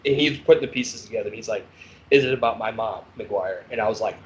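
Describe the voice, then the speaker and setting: A man's voice: on the low side, fast talker, slight background noise, poor audio. Blunt profane man telling prison stories. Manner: blunt, profane, animated storytelling. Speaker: podcast host, former corrections officer. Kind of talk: casual storytelling chat.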